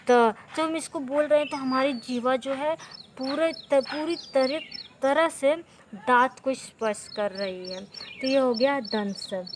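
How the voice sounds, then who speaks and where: A woman's voice: high-pitched, background noise. A woman teaching an exam-prep lesson, explaining step by step and answering her own questions as she goes.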